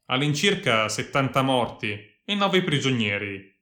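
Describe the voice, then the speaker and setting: A man's voice: mid-range voice, sing-song, measured pace, pushed and bright. A man voicing a young, wisecracking male lieutenant in his mid-twenties who talks in a joking, eager way. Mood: reporting. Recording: echoey room.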